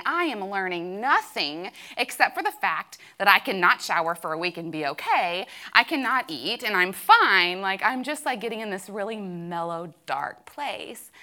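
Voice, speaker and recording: A woman's voice: mid-range voice, sharp tone. A woman in her thirties telling a personal faith story to a room of friends, candid and self-dramatizing, with many fillers. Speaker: speaker sharing a testimony. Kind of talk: church testimony talk. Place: room with an audience.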